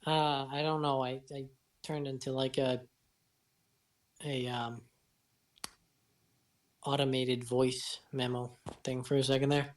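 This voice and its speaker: A young man co-hosting a casual podcast, playful and quick to react. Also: medium pitch, level tone. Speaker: podcast co-host.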